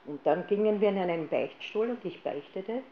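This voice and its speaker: An Austrian woman stands before an audience and tells her personal faith story with lively animation, playing out her old words as she goes. Her mid-pitched voice rings in a roomy space, and the sound is a little dull, with faint ambience behind it. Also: normal speed, a little hiss or hum. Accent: Austrian German. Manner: lively storyteller who acts out her own past lines. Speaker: speaker giving a testimony.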